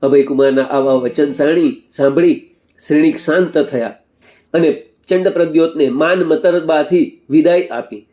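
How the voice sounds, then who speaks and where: A man's voice: a little high, a little slow. Man narrating a tale, dull lo-fi sound. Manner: steady reading with quoted dialogue. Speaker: storyteller. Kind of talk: scripted narration of a religious tale.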